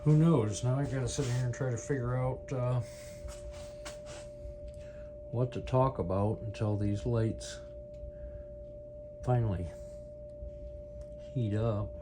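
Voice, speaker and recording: A product review video host, this man speaks in a mid-range voice, a little slowly and with frequent pauses. His demonstration is casual and unscripted, full of rambling and thinking aloud, and the clear audio carries a steady hum plus background noise.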